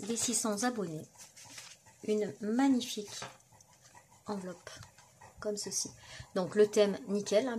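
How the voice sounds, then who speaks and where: A woman's voice: mid-range voice, a little mellow, a little hiss or hum. A middle-aged woman chatting casually on her crafting vlog, full of fillers and admiring remarks as she shows mail she received. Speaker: crafting YouTuber. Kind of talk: casual show-and-tell vlog.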